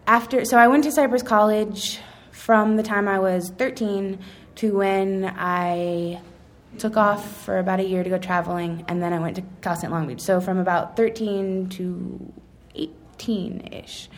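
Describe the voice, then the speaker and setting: A woman's voice: medium pitch, steady tone, measured pace. A young woman telling a casual personal story about her schooling, rambling and correcting herself with frequent ums. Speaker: speaker recounting her schooling.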